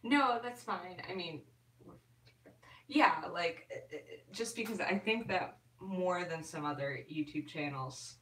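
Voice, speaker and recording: Lowish woman voice chatting w live comments, kinda far from the mic, echoey room. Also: a little slow, fairly bright tone. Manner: chatty, reads and answers comments, frequent laughs and fillers. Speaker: ASMR YouTuber answering live chat. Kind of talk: casual live-stream chat. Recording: roomy and distant from the mic.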